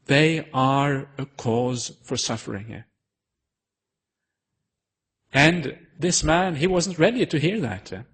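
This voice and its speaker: Husky-voiced monk telling a teaching story. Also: male voice, fairly high pitch, fairly bright tone. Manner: unhurried, with frequent hesitant fillers. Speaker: Buddhist monk giving a Dharma talk. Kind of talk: storytelling sermon.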